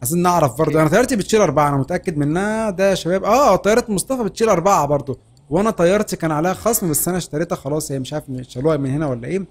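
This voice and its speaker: A man with an Egyptian Arabic accent giving excited gameplay commentary, laughing and shouting often. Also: on the high side, racing. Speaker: gaming channel host.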